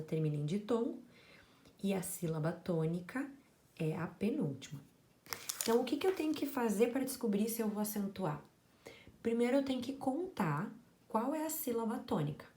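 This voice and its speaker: A woman teacher giving a slow, explanatory grammar lesson and stressing each example word. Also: medium pitch, warm tone.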